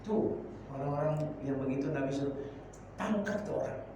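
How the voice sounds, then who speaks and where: Distant echoey preacher. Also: male voice, fairly high pitch, expressive, normal speed, noisy background. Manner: colloquial Jakarta slang mixed with Arabic prayers. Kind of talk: informal sermon. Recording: echoey room, distant from mic.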